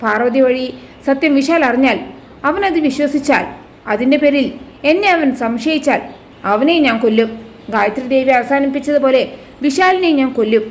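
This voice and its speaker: Cold scheming villain lady, a woman reading her lines, high voice, menacing, serial retelling. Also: expressive, moderate pace, a little hiss or hum. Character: scheming ruthless middle-aged woman villain.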